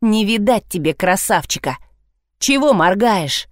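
A woman voicing a blunt, scornful young woman who talks in a sharp, mocking way. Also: mid-range voice, lively intonation, unhurried, no echo, studio quality, lightly acted.

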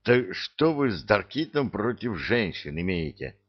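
A man's voice: sits low, slow, lo-fi sound. A man voicing an earnest young male emperor who was once a jester. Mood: remorseful. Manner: earnest, pleading.

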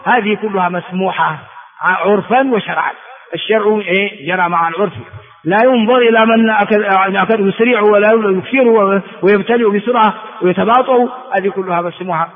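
High-voiced man lecturing in a reverberant hall. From Ethiopia. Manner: repeats words for drilling, asks rhetorical questions. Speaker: religious scholar teaching. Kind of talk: classroom lecture explaining a text. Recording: phone-like sound with long hall reverb.

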